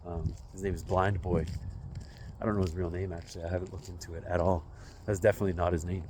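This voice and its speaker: A man's voice: sits low, flat delivery, quick pace, a little mellow, slight background noise. A man in his forties talks to a phone on a selfie stick while walking outdoors through a residential neighborhood, musing in a rambling, self-deprecating way. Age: 40s. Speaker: vlogger. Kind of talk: casual walking vlog.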